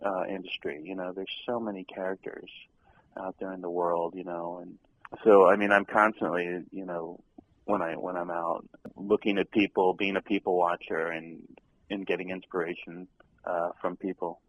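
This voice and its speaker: Man, young adult, very deep voice, actor in an interview, halting, lots of ums, laughs easily. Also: flat delivery, a bit bright, low-quality recording. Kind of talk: casual interview chat.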